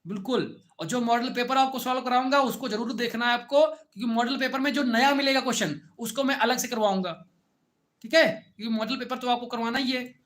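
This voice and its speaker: A male teacher delivers an online class in a bright, forceful voice. He keeps firing short check questions at his students and repeats key terms. His delivery is informal and direct. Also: very high-pitched. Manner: repetitive call-and-response questioning. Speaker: agriculture teacher.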